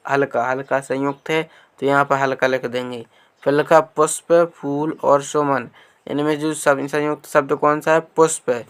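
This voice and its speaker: A man's voice: a little high, fairly bright tone, smooth, no echo. A male teacher walking through workbook exercises, patiently repeating answers and asking questions as he goes. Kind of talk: workbook lesson walkthrough.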